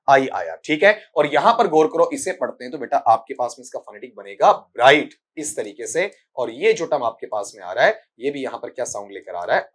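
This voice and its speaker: Male English tutor, Rajasthani Hindi accent, slightly higher voice, stern, drills pronunciation. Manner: scolding, repeatedly asks "ठीक है?" and calls students "बेटा"; spells out sounds slowly and repeats words for drilling. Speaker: English teacher. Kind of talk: exam-prep lesson answering student questions.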